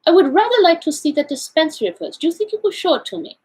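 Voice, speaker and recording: A woman's voice: very high voice, sing-song, racing, a little mellow, pitched above the performer's own voice. A woman voicing a fussy elderly male Belgian detective in a storybook reading, with a raised, lilting, inquisitive delivery.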